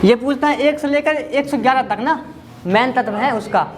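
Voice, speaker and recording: Man teaching a class, rattling off lists. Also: very high voice. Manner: rapid rote recitation, then chatty questioning of students. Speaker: memory coaching teacher.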